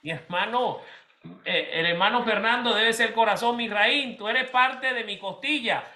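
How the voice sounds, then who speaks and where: High, bright-voiced male pastor preaching. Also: measured pace, roomy sound. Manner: conversational preaching, addresses congregation by name. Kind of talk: sermon.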